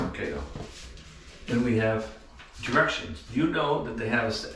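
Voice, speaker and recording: A man's voice: on the low side, very noisy. A middle-aged man remodeling his house, rambling through dry, self-mocking jokes as he shows off a new toilet. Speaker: home remodeler. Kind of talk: casual joking vlog. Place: room of a house under remodel. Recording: echoey bare room, mic at a distance.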